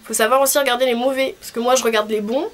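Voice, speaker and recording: Congested from a cold, a young woman who vlogs about cosplay talks rapid-fire in a slightly high, steady-toned voice that comes out nasal and honking. It's a casual, rambling video chat with obvious background noise.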